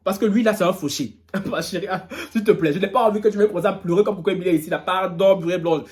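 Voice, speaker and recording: Male gossip vlogger, high-pitched, playful and teasing, reads posts aloud and mocks them. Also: racing, a little mellow. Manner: playful, teasing, laughs often. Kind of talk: casual gossip commentary.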